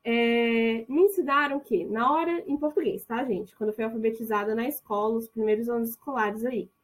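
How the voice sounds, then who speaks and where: Woman from Brazil, online English teacher, higher voice, chatty, checks in often. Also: steady tone. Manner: chatty, checks in with "tá?", slows down to model English phrases. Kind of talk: online language lesson. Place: online course recording.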